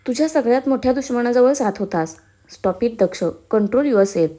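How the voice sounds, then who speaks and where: A woman's voice: on the high side, expressive, normal speed, mellow. A woman voicing a hot-tempered, controlling young husband in a spoken story, sneering and threatening. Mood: brooding.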